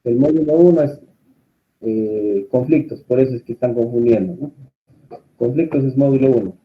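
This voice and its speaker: A man instructing a course, lecturing and often putting questions to his students in a calm teaching tone. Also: mid-range voice, normal speed. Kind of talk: online class lecture. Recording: muffled, lo-fi audio.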